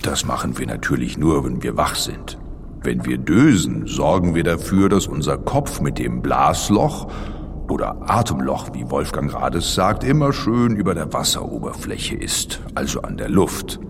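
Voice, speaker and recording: A man's voice: extremely low pitch, very animated, measured pace, creaky, in a large hall, background noise, heavily acted. A man playing an easygoing, boastful, friendly giant blue whale, explaining things colloquially in a playful children's audio feature. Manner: colloquial, addresses the young listener directly.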